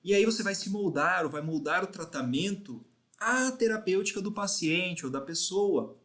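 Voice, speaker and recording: A man's voice: high-pitched, lively intonation, normal speed, a bit bright. Casual Brazilian man lecturing. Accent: Brazilian Portuguese. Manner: casual, frequently tags phrases with "né?". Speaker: acupuncture teacher. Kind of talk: recorded lecture.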